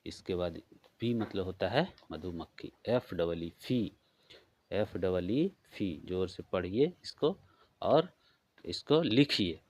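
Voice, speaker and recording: Male tutor, Bihari Hindi accent, low voice, unhurried letter-by-letter spelling. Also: lively intonation, darkish tone. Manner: spells words out letter by letter, slow and patient. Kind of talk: workbook walkthrough lesson.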